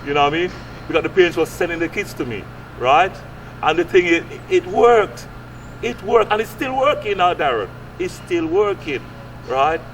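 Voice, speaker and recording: A man's voice: fairly high pitch, expressive, normal speed. A man, speaking earnestly and repetitively in a casual interview, often tagging phrases with "right?". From Guyana. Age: late 60s. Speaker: youth fitness coach and community mentor. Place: outdoors on an urban street by brick flats. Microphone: handheld microphone held at chest. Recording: distant outdoor mic, clear street noise.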